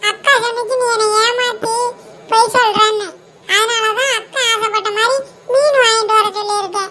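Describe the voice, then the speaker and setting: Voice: extremely high pitch, steady tone, normal speed, sharp tone, a little hiss or hum. A performer voicing a young, sulky little girl in a homemade cartoon, pleading tearfully, with a Tirunelveli Tamil accent. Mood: hurt, tearful.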